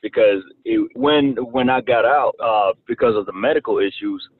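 A man in his thirties from Rwanda with a slight Southern twang, talking haltingly as an interview guest and often repeating words. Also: on the low side, husky. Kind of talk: casual interview talk. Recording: tinny phone-like line, faint noise.

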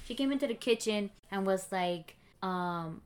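A woman's voice: mid-range voice, animated, measured pace, clear, resonant tone. A young woman co-hosting a podcast, chatting casually about a book and its film, with lots of fillers and restarts. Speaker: podcast co-host.

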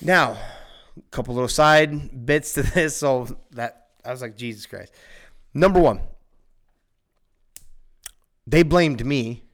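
A man telling a wild story in casual podcast chat, animated and profane, laughing often and shouting when he acts out the scene. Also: medium pitch, slow, pauses often. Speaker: storyteller guest.

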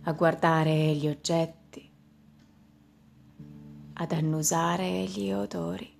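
A woman leading a guided meditation in a slow, soft voice that often drops into a whisper. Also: low voice, fairly even intonation, creaky, faint music behind.

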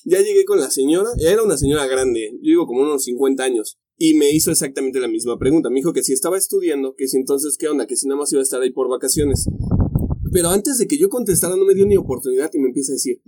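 A man's voice: on the high side, rapid-fire, dark tone. A young man with a Mexican accent telling funny stories in casual, profane slang. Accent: Mexican Spanish. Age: young adult. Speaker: storyteller. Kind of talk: casual comedic storytelling.

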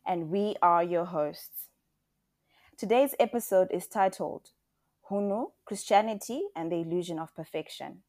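A woman's voice: fairly low pitch, unhurried, darkish tone, no echo. A woman who co-hosts a podcast, reading a story aloud and then talking about it in a heartfelt, emphatic way. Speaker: podcast co-host. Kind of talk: story reading and casual discussion.

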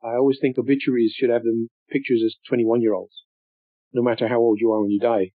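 An older man reminiscing in a rambling, thoughtful way, with many pauses and restarts. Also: medium pitch, level tone, no echo. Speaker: interviewee. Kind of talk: reflective storytelling. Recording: tinny phone-like audio.

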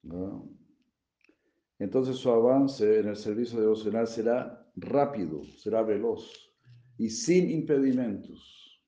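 Gravelly, dark-voiced swami teaching. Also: male voice, on the low side, slow pace. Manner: explains gently with frequent tag questions, chuckles at own jokes. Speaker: swami giving a scripture class. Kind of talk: sermon. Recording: echoey room, dull lo-fi sound.

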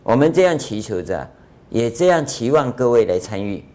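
An older man gives a Buddhist dharma lecture in a conversational way, full of rhetorical questions and drawn-out filler sounds. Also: medium pitch, very animated, darkish tone. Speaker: Buddhist master giving a lecture.

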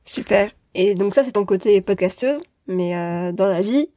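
A woman hosting a podcast interview, friendly and quick to laugh. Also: medium pitch, dark tone. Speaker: podcast host.

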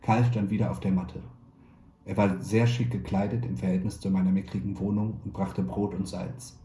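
Guy reading a short story, super dark mellow low voice, roomy echo. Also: little pitch movement, moderate pace. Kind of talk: literary audiobook reading. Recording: roomy echo, faint background noise.

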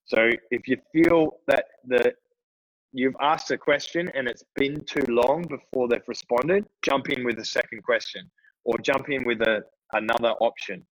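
A man's voice: mid-range voice, a little slow, dry recording, poor audio. A man coaching tradespeople on phone sales, talking loosely with many fillers. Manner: casual, conversational, many fillers. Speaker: business coach. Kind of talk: instructional talk to tradespeople.

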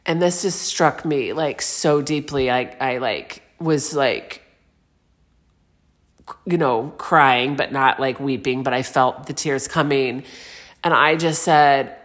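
A woman in her forties sharing a personal reflective monologue, meandering and earnest with frequent restarts and soft spiritual wording. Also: rumbling low, takes it slowly. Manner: soft-spoken spiritual vocabulary.

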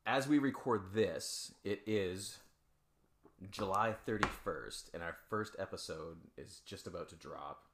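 A man's voice: low voice, unhurried, a bit bright, a little hiss or hum. A man co-hosting a podcast, teasing and laughing in casual chat with some swearing. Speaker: podcast co-host.

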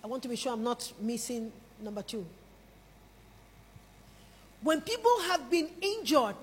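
A woman preacher giving an emphatic sermon and calling on the congregation to respond aloud. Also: high voice. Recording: long reverb of a large hall.

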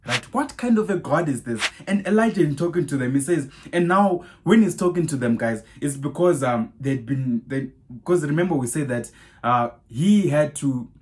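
A man's voice: fairly high pitch, moderate pace. Man preaching, fired-up and repetitive. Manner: rhetorical questions, keeps saying "guys" and "right?"; animated, raises voice on Bible quotes. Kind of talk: podcast sermon.

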